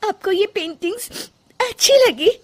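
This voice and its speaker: A woman's voice: very high voice, expressive, a little slow, pitched above the performer's own voice. A woman voicing a shy young daughter-in-law in a cartoon story, who speaks in a pleading, hesitant way. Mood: hopeful surprise.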